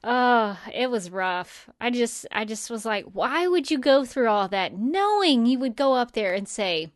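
A woman co-hosts a podcast, chatting casually and emphatically and often acting out imagined remarks. Her voice is a little high and sing-song, and she takes her time. The studio recording is dry and clean.

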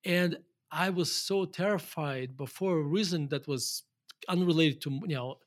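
A man's voice: fairly high pitch, unhurried, no echo, studio quality. A man in his forties with a Russian accent, a guest in an interview, talking loosely with many fillers and restarts. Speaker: guest investor. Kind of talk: conversational interview.

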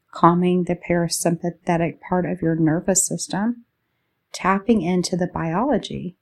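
In a somewhat low voice with a gentle creak and soft edges, a woman talks listeners through a meditation, easing out brief, lingering phrases.

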